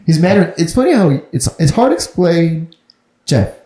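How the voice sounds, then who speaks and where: A man's voice: fairly high pitch, sing-song, normal speed, dark tone, roomy sound, low-quality recording. A man co-hosting a podcast, chatting casually, restarting often and correcting comic details. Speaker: podcast co-host. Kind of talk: casual chat about movies and comics.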